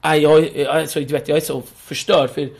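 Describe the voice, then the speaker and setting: Lively gravelly-voiced man telling stories. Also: on the high side. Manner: lively, acts out voices, laughs often. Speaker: podcast guest. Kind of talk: animated storytelling.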